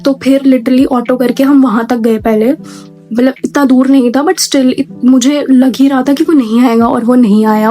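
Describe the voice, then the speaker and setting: Young woman, slightly high and mellow, chatty exasperated storyteller mixing Hindi and English. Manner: exasperated retelling. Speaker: storytime vlogger. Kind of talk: casual storytime.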